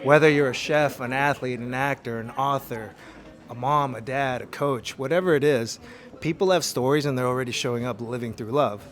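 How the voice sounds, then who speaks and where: A man's voice: medium pitch, normal speed. A man from Los Angeles, an artist giving an earnest, motivational interview about his work. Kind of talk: reflective interview talk. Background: music.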